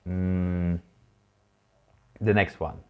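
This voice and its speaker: A man's voice: deep voice, level tone, extremely slow, clear, resonant tone, muffled recording. A man teaching a beginner language lesson online, patiently prompting a learner to repeat words and encouraging them.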